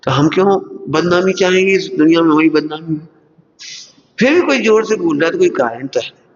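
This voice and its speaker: A man's voice: fairly high pitch, moderate pace. Man preaching in a reverberant hall. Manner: animated, full of rhetorical questions to listeners; acts out everyday quarrels in other voices. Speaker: religious teacher giving a discourse. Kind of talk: Hindi sermon to students. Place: large lecture hall at a school. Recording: long hall reverb, dull lo-fi sound.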